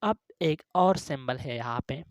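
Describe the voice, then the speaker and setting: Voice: medium pitch, expressive, a little slow, dry recording, studio quality. An English teacher explaining phonetic symbols, who ends nearly every phrase with "okay", draws out hesitant fillers, and repeats each sound and example word several times.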